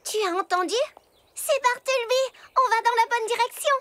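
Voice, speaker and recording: A woman's voice: extremely high pitch, moderate pace, a bit bright. A woman playing a brave, polite and determined little girl in a children's cartoon, earnest in delivery.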